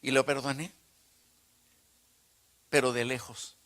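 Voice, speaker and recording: Bright-voiced man preaching a testimony. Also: mid-range voice, little pitch movement, takes it slowly. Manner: emotional storytelling, surging to loud bursts. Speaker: pastor. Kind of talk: sermon testimony. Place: retreat conference hall.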